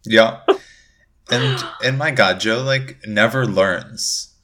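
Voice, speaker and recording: A man's voice: medium pitch, slow, sharp tone. A man co-hosting a podcast, chatting casually and emphatically, peppering his talk with "like". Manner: emphatic, conversational, with frequent "like". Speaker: podcast co-host. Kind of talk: casual podcast chat about a TV series.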